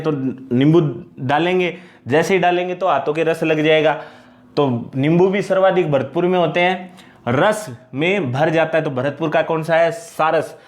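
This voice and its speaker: Male teacher, slightly raised pitch, repeats himself, quizzes and answers himself. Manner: repetitive, explains by asking and answering itself. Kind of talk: exam-prep lesson with memory tricks.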